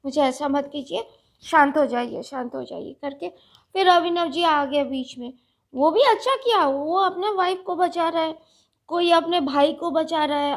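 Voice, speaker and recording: A woman vlogger chatting unscripted to her viewers, speaking slowly and deliberately with many fillers and restarts. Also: high-pitched. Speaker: vlogger reviewing a reality show. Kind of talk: casual unscripted chat to viewers.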